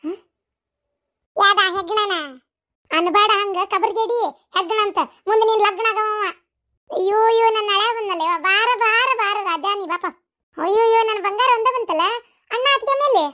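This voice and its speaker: A woman with a North Karnataka Kannada accent playing a bossy, sharp-tongued older mother-in-law in a comic family skit, scolding and mocking. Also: very high voice, normal speed, pauses often. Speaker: comedy sketch performer.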